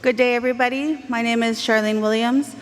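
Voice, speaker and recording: A woman's voice: on the high side, steady tone. Earnest woman speaking in a reverberant hall. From Canada. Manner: measured, earnest and heartfelt delivery. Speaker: graduand speaker. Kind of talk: formal convocation speech. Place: large indoor ceremony hall. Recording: long hall reverb, faint background hiss.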